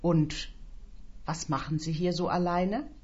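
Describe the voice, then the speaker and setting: A woman's voice: on the low side, steady tone, takes it slowly, a little mellow, breathy edge, muffled recording. A woman voicing a tired, bitter middle-aged man who answers in a grumbling, weary way.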